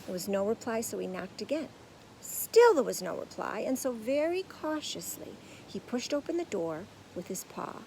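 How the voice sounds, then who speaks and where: A woman narrating a storybook aloud in a lively, expressive way. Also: on the high side, normal speed, vocal fry, a little hiss or hum, poor audio.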